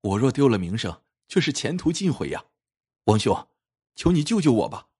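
A man voicing a soft, pleading young scholar. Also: mid-range voice, big pitch swings, moderate pace, husky. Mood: begging.

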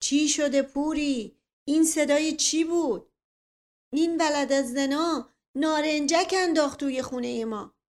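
A woman's voice: high voice, pitched above the performer's own voice, lightly acted. A woman voicing a hot-tempered older man who bellows accusations. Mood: roaring.

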